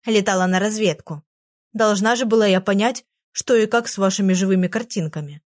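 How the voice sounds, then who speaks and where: A woman's voice: medium pitch, a little fast, lightly acted. Cheeky little fairy girl, as a woman puts her on. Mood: dismissive. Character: small cheeky female fairy, proud and fussy.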